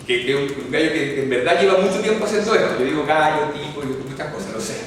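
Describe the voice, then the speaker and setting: Speaking fast with lively intonation and a slightly high voice, a man from Chile delivers a live orthodontics lecture in Chilean-accented Spanish. He walks through the material step by step, often checking that his listeners are following. Slight background noise accompanies the distant, echoey lecture hall recording.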